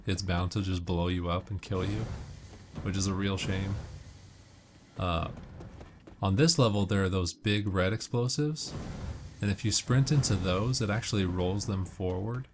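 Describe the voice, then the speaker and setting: Speaking unhurriedly and pausing often, a deep-voiced gamer explains walkthrough tips one step at a time in a casual, instructional way. Game music and gunfire make the background noisy.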